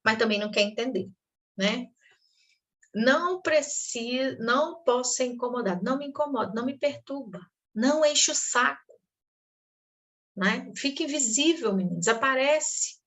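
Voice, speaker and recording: A woman's voice: high-pitched, expressive, normal speed, fairly bright tone. A woman, a mentor teaching a group, who acts out harsh phrases in quoted voices. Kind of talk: lecture to a group.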